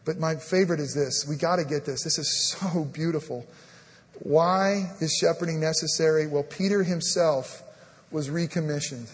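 A man preaching a sermon as pastor, animated, swinging between loud emphasis and a soft hush and acting out the scripture dialogue, with many "I mean" fillers. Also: fairly high pitch, normal speed, big-room sound. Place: church sanctuary.

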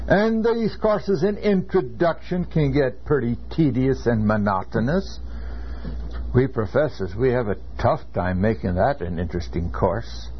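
A man's voice: medium pitch, slight background noise. Older man lecturing, dull lo-fi sound. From California. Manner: measured, earnest, anecdotal. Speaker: seminary professor. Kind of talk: classroom lecture with personal storytelling.

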